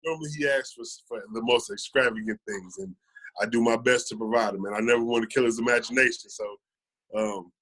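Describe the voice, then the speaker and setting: An American man in his thirties, a podcast guest, tells stories casually and earnestly, often repeating phrases for emphasis. His medium-pitched voice is a bit bright and a little fast, and the audio is poor.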